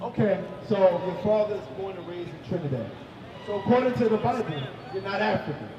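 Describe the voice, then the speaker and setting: Male street preacher, high voice, emphatic with bursts of shouting, distant mic in an echoey space. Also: animated, brisk, muffled recording, crowd noise.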